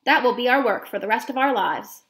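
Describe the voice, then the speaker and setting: A woman's voice: fairly high pitch, brisk. A woman playing a bold old grandmother. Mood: determined. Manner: forceful, emphatic. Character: bold, feisty old grandmother witch hunter.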